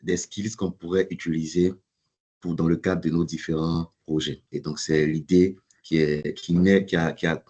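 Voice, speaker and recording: A man with a very deep voice gives formal opening remarks at an online webinar. He speaks deliberately, hesitating and repeating words as he works through his thoughts. He sounds like he is on a computer mic during a video call. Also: flat delivery, a little mellow, breathy edge. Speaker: chapter president giving opening remarks.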